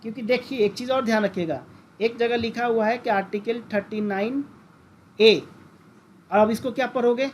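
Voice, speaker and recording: This man's voice is very high-pitched, yet his tone stays steady at a normal speed while he teaches in lecture fashion. He keeps quizzing the class and going back over key terms, treating everyone like friends, over a faint hiss or hum.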